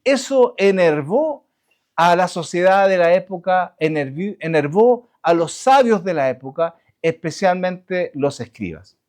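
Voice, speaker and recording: A man preaching a sermon to his congregation, halting with restarts and asking rhetorical questions. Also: high-pitched, animated, darkish tone. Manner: halting, many restarts and fillers. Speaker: pastor.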